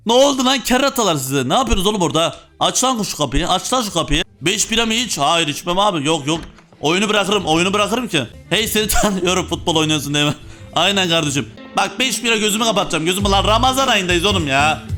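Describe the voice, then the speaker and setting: A young man with a high, bright, forceful voice gives loose let's-play commentary, excitable and joking, tossing in playful slang. Faint game music runs underneath. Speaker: gaming video host.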